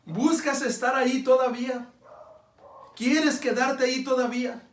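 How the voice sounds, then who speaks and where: High-voiced pastor preaching in an echoey church. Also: male voice, fairly even intonation, unhurried, a little hiss or hum. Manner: earnest, pleading preaching with many direct questions. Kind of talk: sermon. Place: church sanctuary.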